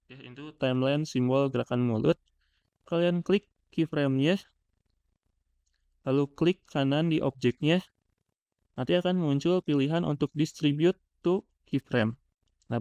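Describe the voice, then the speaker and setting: A man's voice: mid-range voice, a little mellow, clear, resonant tone, no echo. A man teaching step by step as an instructor, in an informal, explanatory screen-tutorial style. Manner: informal, explanatory, checks in with listeners. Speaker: animation software instructor.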